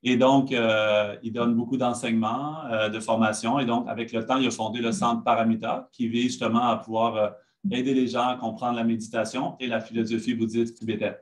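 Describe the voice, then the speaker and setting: A man's voice: medium pitch, level tone, fairly quick. Friendly man hosting with many fillers. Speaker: host. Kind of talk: introduction.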